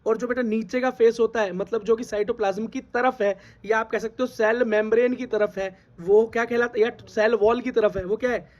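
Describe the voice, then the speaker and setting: A man's voice: high voice, steady tone, brisk, hardly any pauses, darkish tone. A man teaching a biology lesson, who calls his students "beta", asks them questions and repeats their answers. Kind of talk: classroom lecture. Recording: dull lo-fi recording.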